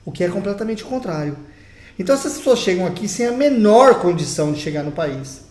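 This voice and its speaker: His voice sits high with big pitch swings, a fast delivery and a darkish tone. He's a young Brazilian man with a Brazilian Portuguese accent, vlogging his opinions casually from home in Portugal, talking emphatically and chattily right to his viewers, with a roomy echo around him.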